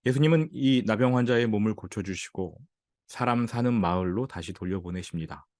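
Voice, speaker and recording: A man preaching as a pastor, acting out the lines of the people in his story with lively emphasis. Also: fairly low pitch, fairly quick, dry recording, studio quality. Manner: animated preaching, acting out quoted speech. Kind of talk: sermon.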